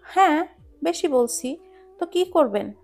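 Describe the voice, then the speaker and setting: A woman's voice: high-pitched, lively intonation, unhurried, creaky, voice pushed up, full character voice. A woman reading a storybook romance aloud, voicing a stubborn young bride who talks back sharply. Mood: defiant. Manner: sharp, defiant, whiny.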